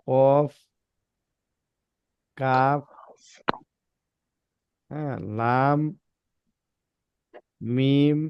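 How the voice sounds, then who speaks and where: A man teaching Arabic letter pronunciation in a classroom, reciting letters one by one with a slow, drawn-out delivery and checking in with his students. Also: mid-range voice, a little mellow, clear, resonant tone, no echo.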